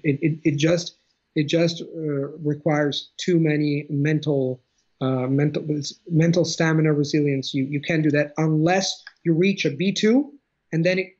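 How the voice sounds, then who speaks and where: Speaking from home over a webcam, this interview guest, an Italian man in his thirties with a matching accent, keeps the conversation casual, pausing to think and frequently starting his sentences over. His voice is slightly high, a little mellow and husky, and the call audio is dull and lo-fi.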